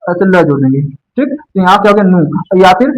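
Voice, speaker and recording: A man teaching how to write a script, explaining step by step and often pausing to check that the learner follows. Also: high voice, sing-song, rough recording. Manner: explains slowly, repeats words, checks in with "ठीक है ना".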